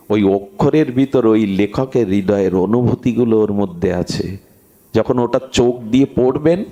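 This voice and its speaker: A man's voice: lowish voice, mellow. A man giving a devotional sermon, with stories and chanted verses that rise in emphasis. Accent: Bengali. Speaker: Bhagavata preacher.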